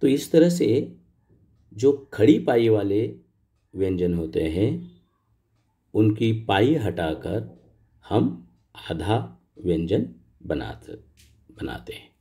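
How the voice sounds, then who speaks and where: A man's voice: lowish voice, very animated, takes it slowly, pauses often, warm tone. A middle-aged man teaching a school grammar lesson, explaining patiently step by step and asking the pupils questions.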